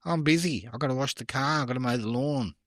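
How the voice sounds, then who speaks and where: A man's voice: mid-range voice, fast, a bit bright, no echo, studio quality, lightly acted. A man putting on a lazy, offhand man with a breezy, dismissive manner.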